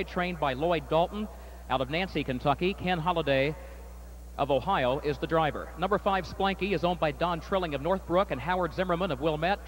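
A man announcing a harness race at an outdoor track, calling the field in a brisk, formal way. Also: on the high side. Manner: rapid rising race call, steady formal post parade. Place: outdoor racetrack. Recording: faint outdoor noise.

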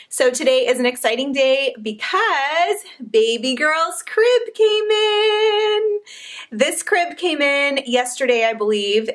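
A woman vlogging at home with an upbeat, chatty manner, a little out of breath as she talks to camera. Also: on the high side. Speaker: family vlogger. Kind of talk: casual vlog talk to camera. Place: nursery room at home, indoors.

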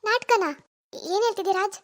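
A woman's voice: very high-pitched, fairly quick. A woman voicing a heartbroken young wife in a cartoon, tearful and resigned. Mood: shocked. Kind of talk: animated cartoon dialogue.

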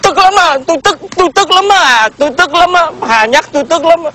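A man's voice: high voice, expressive, moderate pace, pushed and bright, a little hiss or hum. An actor playing a shy young man who stammers and stumbles over his words while proposing marriage, in a stage comedy. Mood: indignant. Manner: stammering, flustered. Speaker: shy suitor. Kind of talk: Vietnamese reformed opera comedy acting.

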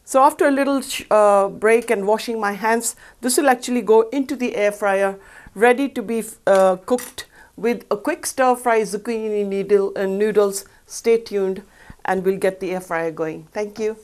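A woman's voice: medium pitch, normal speed, a little mellow. A middle-aged woman hosting a cooking show, explaining each step in a chatty, upbeat way as she works in a studio kitchen. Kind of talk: cooking demonstration. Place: studio kitchen set, indoors.

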